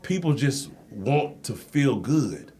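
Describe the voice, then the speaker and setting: At a slow pace and in a mid-range voice, an American man shares stories as a podcast guest. He's an endurance coach and former Marine type of guest who is an animated storyteller, acting out the quoted dialogue in casual, anecdotal interview talk.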